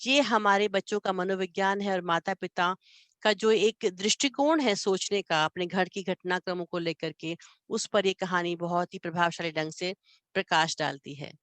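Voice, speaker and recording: A woman reading a literary short story aloud with expressive, measured narration and adding her own commentary. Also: lowish voice, no echo. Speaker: literature channel reader.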